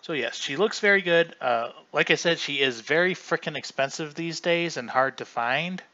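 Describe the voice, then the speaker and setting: A man's voice: a little high, normal speed, bright, forceful tone, dull audio. A man hosting a casual livestream, chatty and rambling, often restarting mid-sentence. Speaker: livestream host.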